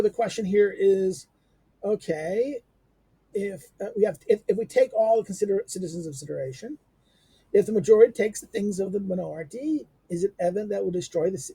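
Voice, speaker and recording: A middle-aged man giving an unscripted lecture on a text, halting with many fillers, restarts and rhetorical questions. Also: high voice, animated, gravelly, mellow, slightly rough, no echo.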